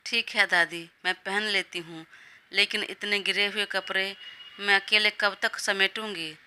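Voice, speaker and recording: A woman's voice: medium pitch, fairly even intonation, measured pace, sharp tone, slight background noise. A woman voicing a defiant young bride who complains and schemes against her husband. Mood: whining.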